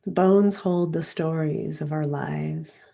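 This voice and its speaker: A woman with a low, gravelly voice guides a meditation. Her delivery is soft and calm, soothing and slow, with lengthy pauses and breaths after her phrases.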